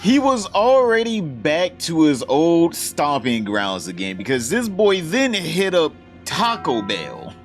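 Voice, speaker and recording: A man's voice: fairly high pitch, wildly swooping pitch, slow pace, hardly any pauses, soft background music. A man hosting a podcast, reacting to clips with crude, sarcastic mockery. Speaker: podcast host. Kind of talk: reaction commentary.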